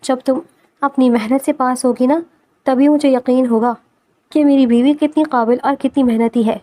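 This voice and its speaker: A woman voicing a young male professor in a storybook romance, speaking softly, affectionately and with a teasing edge. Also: high-pitched, steady tone, lightly acted. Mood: tender.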